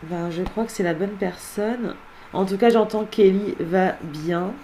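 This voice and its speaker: Here a woman with a dark, mid-range voice talks at a measured pace, with a little noise in the background. She works as a medium, offering relaxed commentary as she replays her spirit-contact recordings. Musing, she says the heard words back aloud and speaks to the dead person herself.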